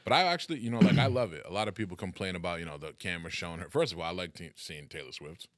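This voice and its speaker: A man's voice: low-pitched, lively intonation, very fast, fairly bright tone, no room sound, clean studio sound. A middle-aged American man co-hosting a sports podcast in casual, profane, slangy chat, giggly and loose like he has been drinking. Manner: giggly, loose drunken banter; slangy, says "bro" and "dude" a lot.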